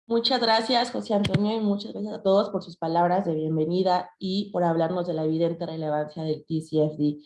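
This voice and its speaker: Low-voiced woman moderator in echoey room. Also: steady tone, brisk, few pauses, darkish tone, a little hiss or hum. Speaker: workshop moderator. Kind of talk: formal event hosting.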